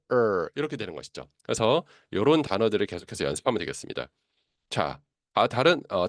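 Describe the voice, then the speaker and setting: A man teaching English pronunciation, explaining tongue positions and modelling sounds with drawn-out vocal examples. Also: medium pitch, no room sound, studio quality. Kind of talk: pronunciation lesson.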